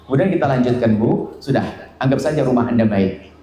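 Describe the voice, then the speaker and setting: A man preaching a sermon with humor, sometimes mimicking people in high, nagging voices. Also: animated, fairly quick, mellow, slight background noise. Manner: playful, jokes and mimics nagging wives and husbands in high voices. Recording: very echoey hall with faint ambience.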